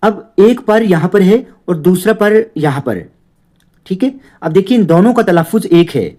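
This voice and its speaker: A man's voice: high voice, expressive, moderate pace, mellow. A man teaching a grammar lesson, explaining patiently and often checking in with "theek hai". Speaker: Urdu teacher.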